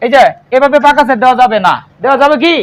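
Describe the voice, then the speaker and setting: A Bangladeshi Bengali-accented male math teacher quizzes his pupils in class and echoes their answers back. His voice is extremely high and smooth, and he speaks very fast.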